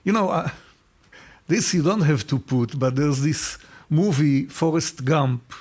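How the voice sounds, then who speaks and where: A man's voice: on the high side, a little slow. An older man with an Israeli accent, an interview guest telling stories and often repeating words while he searches for them. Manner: warm anecdotal storytelling. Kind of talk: casual interview.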